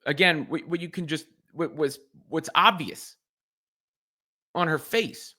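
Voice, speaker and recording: A man's voice: on the high side, a little slow, bright, forceful tone. A man giving solo sports reaction commentary in an earnest way, often restarting his phrases as he thinks.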